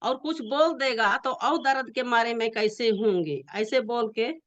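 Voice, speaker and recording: An older woman with a non-native Hindi accent gives a personal church testimony in an earnest, halting manner, repeating herself often as she tells her story. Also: fairly high pitch, a bit bright, dry recording, highs cut off. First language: not Hindi. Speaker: church member giving testimony.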